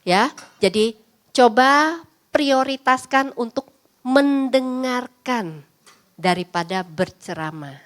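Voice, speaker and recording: A woman's voice: a little high, slow, pauses often, fairly bright tone. A woman psychologist giving a parenting class in a chatty, teasing way, often acting out lines of parents and children. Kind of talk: parenting seminar talk.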